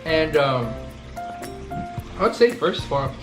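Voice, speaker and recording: A man's voice: a little high, very animated, takes it slowly. Easygoing young man over music. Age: 20s. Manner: easygoing, repeats "you know". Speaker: co-host, father. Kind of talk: casual chat while eating. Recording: echoey room with music playing.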